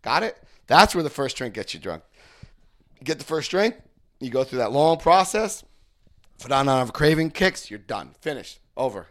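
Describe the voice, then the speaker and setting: Guiding a recovery group through a book, this New Jersey man with a local accent mixes jokes and stories and checks in with his listeners often. He speaks at a moderate pace in a sing-song, mid-range voice.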